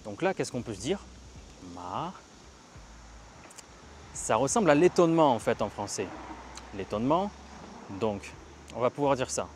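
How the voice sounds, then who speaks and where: A man giving a casual language lesson while walking outdoors, lively and stressing words to demonstrate tones. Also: mid-range voice, fast, a little hiss or hum. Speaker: language teacher.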